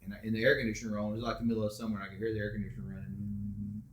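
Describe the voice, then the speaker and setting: A middle-aged man, a father telling family ghost stories in a casual, animated way, acting out quotes loudly. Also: fairly low pitch, rapid-fire, echoey room. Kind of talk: casual storytelling.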